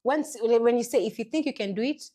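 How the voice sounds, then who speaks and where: A woman's voice: on the high side, brisk, mellow. A woman with a Kenyan accent co-hosts a motivational podcast, speaking earnestly and urging listeners on, often repeating points and checking for agreement. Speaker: podcast co-host. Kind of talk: casual motivational podcast talk.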